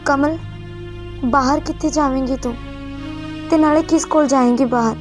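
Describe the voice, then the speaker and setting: A blunt woman sternly warns a girl she has nowhere to go, played by a woman, her voice high. Music plays clearly behind her. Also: steady tone, normal speed, natural voice. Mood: warning. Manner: blunt and warning. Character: stern woman warning a young woman. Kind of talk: amateur short film acting.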